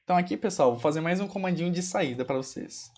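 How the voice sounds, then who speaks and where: A fairly high, animated, slightly mellow voice belongs to a Brazilian Portuguese-accented coding teacher recording a relaxed screencast. Chatty and fond of diminutives, he often asks "ok?" or addresses the "pessoal", and spells commands out slowly while typing them.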